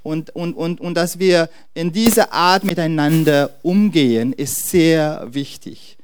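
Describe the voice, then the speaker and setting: Resonant-voiced pastor preaching a sermon. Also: male voice, on the high side, smooth. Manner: searches for words, halting restarts; speaks to the congregation directly.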